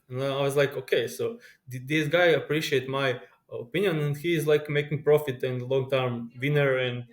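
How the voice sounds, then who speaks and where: A young man from Croatia speaking English with a Croatian accent, an eager, rambling interview guest whose speech halts with frequent restarts. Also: medium pitch. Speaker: guest, pro sports bettor. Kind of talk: casual interview chat.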